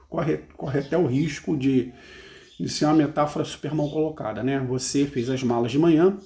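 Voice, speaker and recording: Gravelly Brazilian man teaching English. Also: a little high, dark tone. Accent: Brazilian Portuguese. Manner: patient, tacks "né?" onto most phrases; reads English lines slowly and carefully. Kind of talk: explaining song lyrics line by line.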